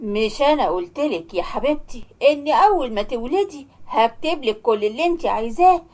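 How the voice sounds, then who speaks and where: A woman's voice: fairly high pitch, animated, fairly quick, a little mellow. A woman voicing a short-tempered middle-aged husband in an Egyptian accent, blustering at his children. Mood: soothing. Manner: barking, blustering.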